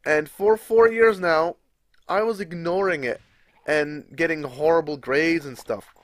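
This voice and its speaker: His voice is a little high and his pace measured, recorded with no room sound. He's a young adult from the Czech Republic, speaking with a Czech accent as he casually commentates a game, restarting sentences and occasionally swearing.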